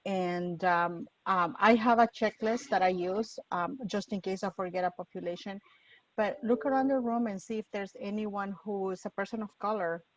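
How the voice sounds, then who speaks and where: A woman moderating a webinar panel, speaking unscripted in a halting, earnest way with frequent pauses. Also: mid-range voice. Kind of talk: webinar discussion, unscripted call to action. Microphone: video call. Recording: dull, lo-fi, distant webinar mic.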